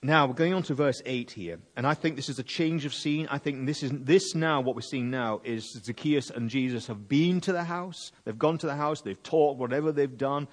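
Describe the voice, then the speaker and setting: Preacher in a reverberant church. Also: male voice, medium pitch, normal speed, hardly any pauses. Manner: animated storytelling, acting out crowd voices. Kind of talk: sermon. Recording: long hall reverb.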